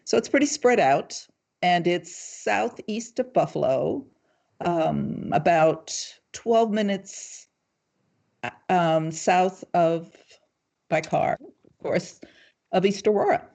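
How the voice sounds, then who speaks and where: An older woman answering interview questions in a measured, thoughtful way, pausing often with ums. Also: on the low side, lively intonation, creaky, a little mellow. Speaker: guest, local party committee chair. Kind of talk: casual livestream interview.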